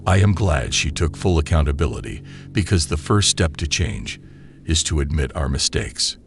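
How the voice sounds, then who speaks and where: A man delivering scripted commentary voice-over in a measured, lecturing manner. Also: extremely low pitch, animated, soft background music. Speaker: commentary narrator.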